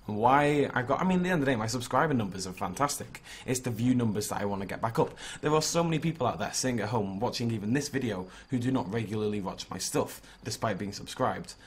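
A young man, hungover with a slightly hoarse voice, chatting in an informal, rambling, self-critical way as he vlogs over a video game. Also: mid-range voice, animated, quick pace, hardly any pauses. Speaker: gaming video creator. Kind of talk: casual vlog chat over gameplay. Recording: clearly noisy background ambience.

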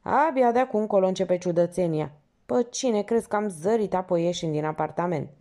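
A woman's voice: lowish voice, warm tone, natural voice. A woman voicing an agitated, insistent young male painter in an audiobook story. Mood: urgent. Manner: urgent, insistent.

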